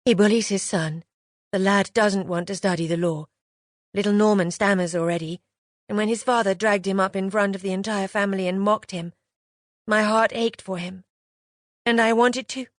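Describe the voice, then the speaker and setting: A woman's voice: medium pitch, fairly even intonation, moderate pace, dry recording, studio quality, lightly acted. A woman doing a spirited, outspoken young governess. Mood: earnest.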